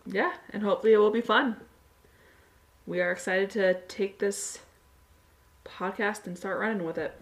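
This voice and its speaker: A woman's voice: medium pitch, moderate pace, long pauses, rough recording. A woman co-hosting a podcast, talking in a casual, conversational way. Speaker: podcast co-host.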